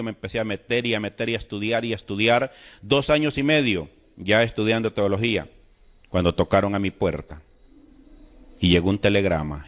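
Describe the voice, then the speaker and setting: A middle-aged man giving a personal faith testimony at a fellowship gathering. He speaks earnestly to his listeners and acts out remembered dialogue. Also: on the low side. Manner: earnest storytelling that addresses listeners directly.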